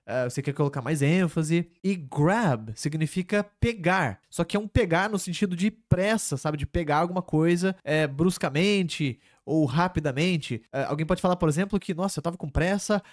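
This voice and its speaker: A man's voice: on the high side, normal speed, hardly any pauses, no room sound, clean studio sound. A man teaching English, patiently explaining phrases from a clip and checking in with tag questions. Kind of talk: explaining a show clip line by line.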